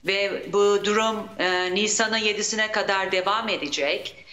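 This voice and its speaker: A woman calling into a broadcast from her home over a phone line, giving an earnest live report in steady run-on sentences. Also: medium pitch, measured pace, echoey room. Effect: radio show caller on a phone line. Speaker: caller to a broadcast from abroad.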